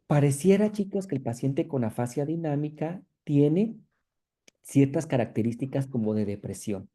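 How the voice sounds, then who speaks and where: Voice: mid-range voice, dark tone. A university lecturer, explaining clinical material to students and constantly checking in with a questioning tag after each phrase.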